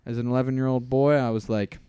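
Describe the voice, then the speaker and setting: Smooth-voiced blunt man from Canada. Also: mid-range voice, fairly even intonation, fast, warm tone, no room sound. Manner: blunt, crude jokes, trailing mutter. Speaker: podcast co-host. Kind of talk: casual chat.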